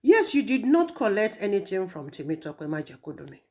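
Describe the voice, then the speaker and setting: Speaking fairly quickly at medium pitch with a dark tone, this Nigerian-accented woman is very animated as she scolds and taunts someone who is absent. She mixes two languages and emphasizes her words heavily.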